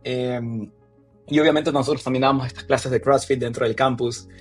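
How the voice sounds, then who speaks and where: Man from Ecuador, 30s, husky podcast guest, faint music under. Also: mid-range voice, fairly quick. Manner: relaxed storytelling with frequent fillers. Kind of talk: casual interview conversation.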